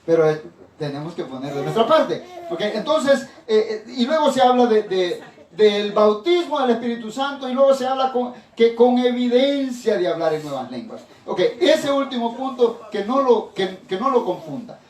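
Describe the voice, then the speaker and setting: A man's voice: very high-pitched, sing-song, normal speed. A man pastor preaching a sermon, often addressing the congregation as brothers and restarting phrases. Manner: preaching with repeated "hermanos", frequent restarts. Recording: echoey room, voice from far off the mic.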